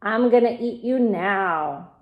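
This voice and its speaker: A woman's voice: mid-range voice, expressive, takes it slowly, dull audio. Woman doing a growling hungry coyote. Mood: menacing.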